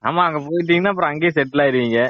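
A vlogger chats casually with friends while planning videos, his voice a little high and very fast. The recording is dull and lo-fi, with a little hiss or hum.

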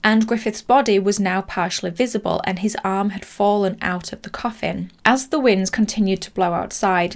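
Woman in her 30s, horror show host, measured dramatic narration, casual asides, home studio, medium pitch. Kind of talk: scripted storytelling narration. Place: small home studio room.

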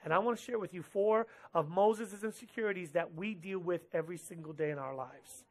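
A man in his thirties preaching a sermon from a church stage into a headset mic, animated and gesturing, slipping into quick quoted asides. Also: sits high. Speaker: pastor. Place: church stage with drum kit behind, indoors.

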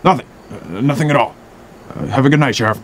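A man's voice: medium pitch, animated, quick pace, slight background noise, close to an everyday voice. A man playing a touchy 510-year-old little man. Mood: awkward, touchy. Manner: gruff, touchy and cursing. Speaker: townsperson talking to the sheriff. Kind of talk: film dialogue.

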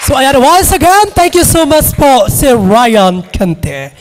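A male host gives brisk, courteous closing thanks with a high, lively voice. Faint music plays behind him. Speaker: event host. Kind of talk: closing remarks.

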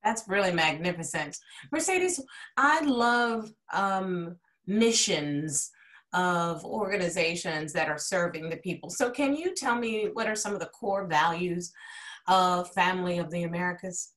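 A woman's voice: lowish voice, expressive, measured pace, fairly bright tone. A woman hosting an interview over a video call, polished and gracious, asking questions with emphasis. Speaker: talk show host, interviewer.

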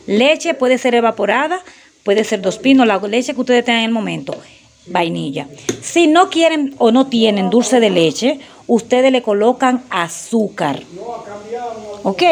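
A woman chatting casually to her viewers while making a drink in her home kitchen, filmed on a phone. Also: fairly high pitch. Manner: chatty, addresses viewers as girls. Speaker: vlogger.

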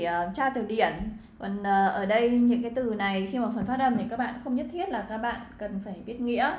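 Chatty woman teacher, high voice, echoey room. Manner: chatty, addresses students directly, frequent fillers. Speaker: English teacher. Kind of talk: exam walkthrough lesson.

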